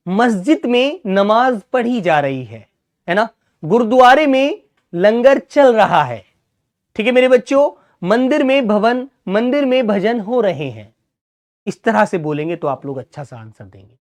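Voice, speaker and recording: A man's voice: sits high, very animated, measured pace. A man teaching Hindi grammar in an online exam-prep class, who asks his students questions, answers them himself, and calls them son and brother.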